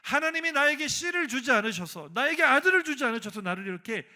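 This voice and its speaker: A man's voice: extremely high pitch, very animated, fast talker, pushed and bright, voice pushed up, full character voice. A man voicing an aggrieved aged patriarch who confronts God, indignant and pleading.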